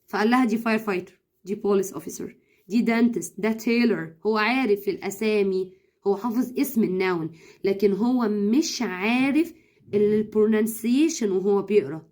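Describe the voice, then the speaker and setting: A woman with an Egyptian Arabic accent, an English tutor giving brisk advice to parents, slipping in English words and slowly sounding out syllables. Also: medium pitch, darkish tone. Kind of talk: instructional talk to parents.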